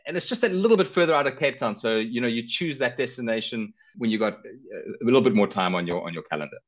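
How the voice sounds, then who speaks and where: Lively intonation and a fast pace mark this medium-pitched male voice. The speaker, a middle-aged man with a South African accent, directs a car rental company and chats casually as a travel guest in an interview. The recording is slightly dull video call audio from a headset.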